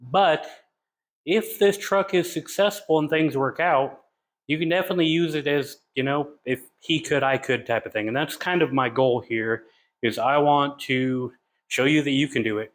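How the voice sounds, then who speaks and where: A man's voice: medium pitch, moderate pace. A man chats casually to camera from his garage workshop, slightly winded after a day of hard work. He rambles in a loose, friendly way and makes jokes at his own expense, with a mid-range voice. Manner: relaxed, self-deprecating, rambling with fillers. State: out of breath. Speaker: channel host, hobby fabricator. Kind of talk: casual workshop vlog talk.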